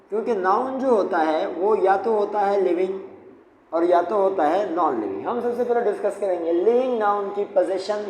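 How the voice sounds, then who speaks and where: A man's voice: high-pitched, a little mellow. A man teaching English grammar, patiently explaining each step and repeating key points. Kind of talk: classroom lesson at a whiteboard. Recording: echoey room, faint background noise.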